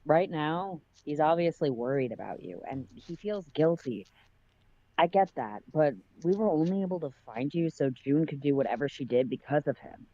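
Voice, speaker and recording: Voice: mid-range voice, animated, moderate pace, mellow, lo-fi sound, close to an everyday voice. Reader doing a teasing, wisecracking young man. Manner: teasing, pointed.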